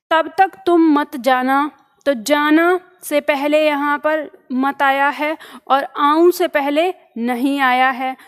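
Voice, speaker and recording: A woman with a high voice teaches a grammar lesson in a patient, step-by-step way. She asks the class a question, then answers it herself, and reads each example sentence slowly and carefully.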